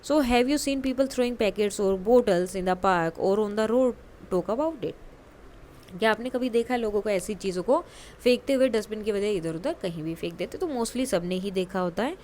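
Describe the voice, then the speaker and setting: A woman teaching a worksheet lesson to young children, reading lines slowly and clearly and explaining them quickly in Hindi. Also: mid-range voice, animated, darkish tone, slight background noise.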